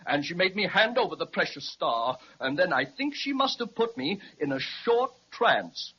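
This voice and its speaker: Dragon, male: a wordy, self-pitying show-off for old-time kids' radio, bright husky tone, muffled 1930s recording. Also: high-pitched, big pitch swings, moderate pace, heavily acted. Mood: dramatic.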